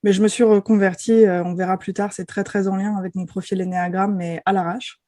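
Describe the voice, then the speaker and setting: A woman's voice: medium pitch, flat delivery, fairly quick, dark tone, no room sound, studio quality. A woman in her forties from France with a Parisian French accent, telling her story as a podcast guest in a thoughtful way with many hesitations. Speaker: guest, enneagram expert. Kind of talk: casual chat.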